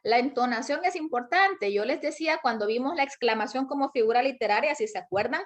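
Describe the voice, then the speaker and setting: Teacher, woman, high voice, patient explainer, online class lecture. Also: expressive, brisk. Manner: explains plainly with many spoken examples and questions to students.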